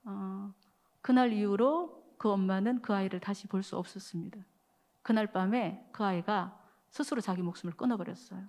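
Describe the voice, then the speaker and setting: A woman preaches at a church prayer meeting, weaving a story into her sermon and addressing the congregation directly. Her medium-pitched, slightly mellow voice moves at normal speed, with many small fillers in a conversational style.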